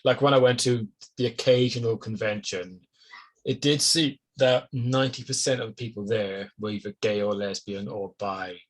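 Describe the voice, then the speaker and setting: Husky man hosting a chat. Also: on the low side, normal speed. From Wales. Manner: chatty, jokey, tells anecdotes. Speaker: podcast host. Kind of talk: casual conversational interview.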